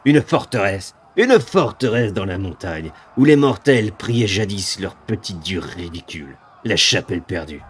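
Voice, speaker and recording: A man voicing a ravenous demon from a video game, a haughty dark lord who taunts with drawn-out, mocking menace. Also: sits low, expressive, husky, full character voice. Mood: gloating threats. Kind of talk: dramatic video game villain read aloud.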